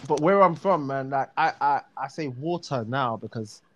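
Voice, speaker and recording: A man's voice: mid-range voice, normal speed. Casual South London man chatting. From South London, England. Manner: relaxed, many fillers and restarts. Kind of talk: casual chat.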